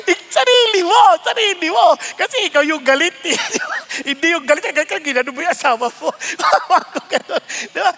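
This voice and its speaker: A middle-aged male pastor preaching a lively sermon, laughing often and mixing English phrases into his talk. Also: extremely high pitch, gravelly, long reverb tail.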